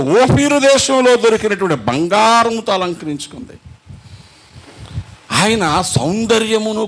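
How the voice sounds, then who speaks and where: Guy preaching, high voice jumping all over, lots of repeated questions. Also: a bit bright, a little hiss or hum. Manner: emphatic preaching with rhetorical questions and repetition. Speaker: pastor. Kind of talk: sermon.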